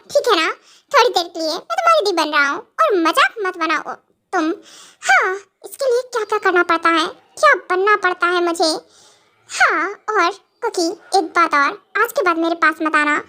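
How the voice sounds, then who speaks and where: A woman's voice: very high voice, animated, normal speed, pushed and bright, heavily acted. A woman voicing an exasperated young male professor who scolds his wife in a fan audio drama. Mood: scolding.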